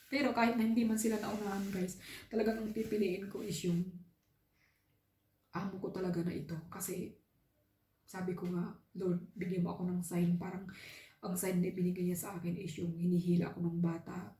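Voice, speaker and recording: Mellow, earnest woman telling her story. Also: fairly low pitch, flat delivery, brisk, pauses often, roomy sound. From Philippines. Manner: earnest, heartfelt, often addresses viewers as "guys". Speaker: domestic helper working abroad. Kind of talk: casual vlog storytelling.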